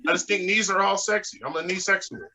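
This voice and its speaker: A man's voice: high voice, fairly even intonation, fast, sharp tone, low-quality recording. A man from Texas with a Texan accent doing a laid-back, chatty stand-up set over a video call, laughing at his own jokes. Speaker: stand-up comedian.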